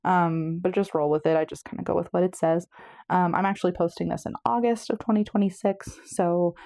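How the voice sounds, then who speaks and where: A woman with a lowish, steady, creaky, warm voice gives a casual pick-a-card tarot reading at a brisk pace, sounding slightly out of breath. She's chatty and meandering, often correcting herself. The recording is clean studio sound with no room echo.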